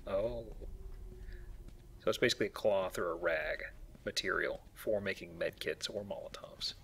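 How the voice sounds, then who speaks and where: Playing through a video game for a let's play, a man offers wry, casual commentary in a low, gravelly, somewhat bright voice at a moderate pace. Game ambience and faint noise sit behind him.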